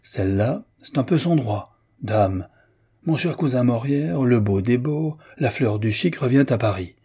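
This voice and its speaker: A man's voice: mid-range voice, expressive, measured pace, mellow, breathy edge. A man voicing a chatty, teasing aristocratic Parisian woman in an audiobook, with a mocking, gossiping manner. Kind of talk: audiobook reading.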